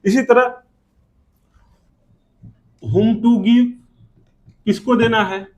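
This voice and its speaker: A man with an Indian English accent teaching an English lesson, saying each example slowly and glossing it in Hindi. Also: very high-pitched, steady tone. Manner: slow, repeating words with Hindi glosses. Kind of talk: classroom lesson.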